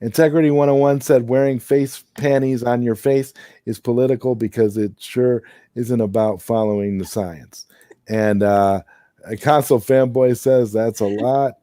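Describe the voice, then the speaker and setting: A man's voice: medium pitch, steady tone, normal speed, dark tone, no room sound, studio quality. A man hosting a casual late-night live stream, rambling and restarting his sentences as he talks into a headset. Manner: rambling, repeats words and restarts often. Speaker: host.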